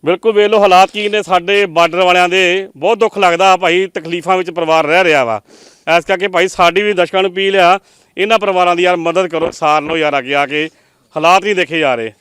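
Reporting from the scene of a flood-damaged home, a Punjabi man talks fast in an emotional, comforting way. His voice is a little high, smooth, clear, steady, and fairly bright, captured close and dry with no room sound.

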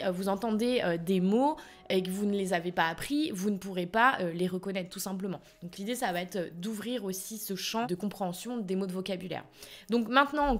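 A French woman who founded a language school, teaching in an energetic, upbeat way and speaking directly to her viewers. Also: medium pitch. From France. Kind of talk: teaching video, direct to camera.

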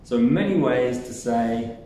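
Acting out each English phrase with exaggerated intonation, this New Zealand-accented teacher delivers a scripted language lesson. He speaks unhurriedly in a warm, medium-pitched voice with lively intonation, captured by a distant mic in an echoey space.

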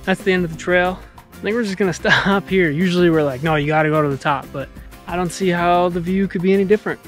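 A young travel vlogger holds the camera at arm's length as he films himself on a mountain trail and in a camper van, narrating in a chatty, easygoing, self-mocking way. His voice sits high and he talks fast, with faint music behind him.

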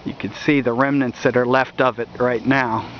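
A man narrating a walking tour outdoors along a wooded riverbank, talking in a halting way with many fillers, recorded on a handheld camera mic. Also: medium pitch, fairly even intonation, a little hiss or hum. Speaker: history video host. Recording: dull lo-fi outdoor audio.

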